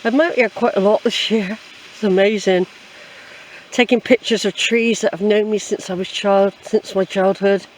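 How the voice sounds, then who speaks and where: A woman's voice: medium pitch, steady tone, normal speed, a little hiss or hum, low-quality recording. Older English woman rambling on a walk. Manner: chatty, reflective, repeating phrases. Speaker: hiking vlogger. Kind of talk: casual rambling walk commentary. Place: outdoors on a woodland trail.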